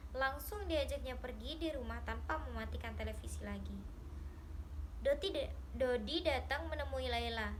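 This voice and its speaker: High-voiced young woman reading a story. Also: slight background noise, poor audio. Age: young adult. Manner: careful reading with small slips and restarts. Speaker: literature student. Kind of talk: reading a short story aloud.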